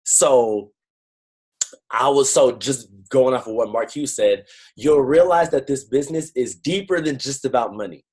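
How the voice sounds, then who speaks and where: A man's voice: medium pitch, a little slow, darkish tone, slightly rough, rough recording. Slangy man telling a motivational story. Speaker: network-marketing team leader. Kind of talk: casual motivational talk. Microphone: computer mic on a video call.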